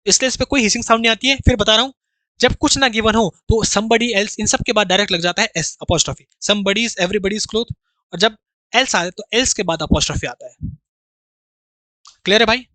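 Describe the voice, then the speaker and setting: A man's voice: sits high, quick pace, bright, forceful tone, no room sound. A man teaching an exam-prep grammar lesson, explaining through rhetorical questions and repetition and speaking to his students familiarly as brothers.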